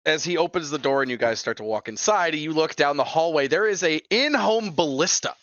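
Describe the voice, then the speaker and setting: A man's voice: fairly high pitch, lively intonation, fairly quick, a bit bright, no echo. A man narrating a tabletop game as its game master, loose and casual, laughing often. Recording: dull, lo-fi and dry.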